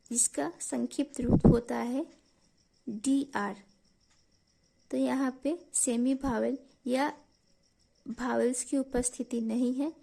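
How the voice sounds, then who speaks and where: A woman with an Indian accent who teaches English grammar in Hindi. She reads each English definition slowly and carefully, then explains it. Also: fairly high pitch, vocal fry, mellow. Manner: slow, careful reading of English definitions before explaining them.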